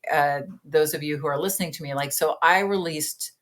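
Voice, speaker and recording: Low-voiced chatty woman in her fifties. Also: fairly quick. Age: 50s. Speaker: guest, weight-loss coach. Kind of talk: casual podcast conversation.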